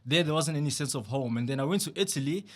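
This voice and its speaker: A man's voice: a little high, lively intonation, fast. Earnest young South African man. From South Africa, Durban. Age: young adult. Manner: earnest, repeats words while thinking, many "you know"s. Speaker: party spokesperson guest. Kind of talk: conversational interview.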